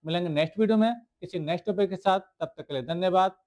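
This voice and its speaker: A man's voice: sits high, fast, darkish tone. A man teaching school science in a video lecture, asking his students questions and answering them himself, repeating each key word. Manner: writes on the screen while explaining.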